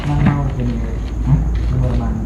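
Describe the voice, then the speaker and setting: A man's voice: mid-range voice, fairly even intonation, normal speed. A man with a Javanese Indonesian accent chatting casually as he vlogs an exploration of an abandoned place at night. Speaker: ghost-hunting vlogger. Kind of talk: casual exploration vlog chat. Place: abandoned old house and well at night. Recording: lo-fi, echoey, noisy with animal and ambient sounds.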